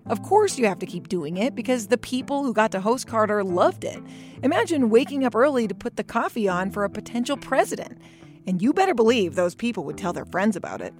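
A woman narrates a scripted documentary podcast as its host. She keeps it conversational and lively, with a dry, wry edge to her asides, in a voice of ordinary pitch.

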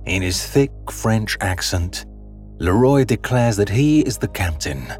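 Deep-voiced man narrating a documentary. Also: animated, a little mellow, faint music behind. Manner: dramatic, measured storytelling.

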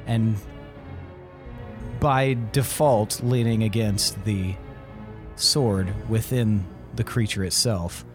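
A man narrating a tabletop role-playing game as game master, laying out scenes in deliberate, suspenseful short phrases. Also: on the low side, fairly even intonation, music in the background.

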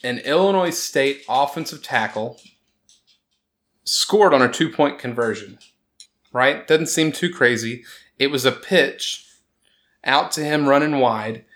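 A man's voice: medium pitch, lively intonation, a bit bright. Wry man reading sports scores. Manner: quick, joking, laughs often, reads scores with sarcasm. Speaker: podcast host. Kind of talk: casual sports chat.

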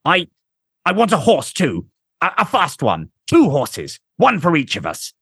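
A man's voice: fairly high pitch, wildly swooping pitch, a little slow, creaky, fairly bright tone, husky, no room sound, clean studio sound, voice pushed up, heavily acted. A man reading a story aloud, voicing a furious, proud male noble commander who barks outraged threats. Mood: flustered.

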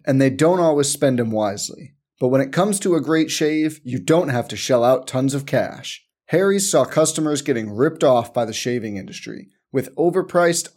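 Slightly high male voice reading an ad. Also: a little mellow. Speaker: advertisement reader. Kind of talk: scripted ad read.

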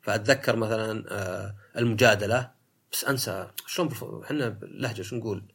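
A man hosts a solo talk podcast in a gravelly, husky voice. He argues in a casual way and mimics other people's lines to make his case. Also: fairly low pitch, fast, a bit bright. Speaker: podcast host.

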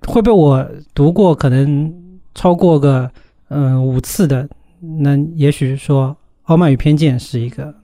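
A man who loves books, guesting on a podcast and talking in a relaxed, reflective way. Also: on the high side, a little slow. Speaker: podcast guest, book lover. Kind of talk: casual chat.

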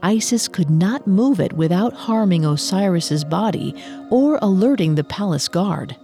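A woman narrating a mythology podcast in a measured storytelling manner. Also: mid-range voice, lively intonation, warm tone, faint music behind.

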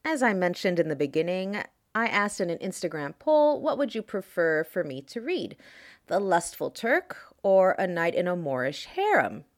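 Stuffy-nosed woman podcast host, low-pitched. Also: big pitch swings, moderate pace. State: stuffy nose from allergies, mouth breathing. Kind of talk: casual podcast talk introducing erotic readings.

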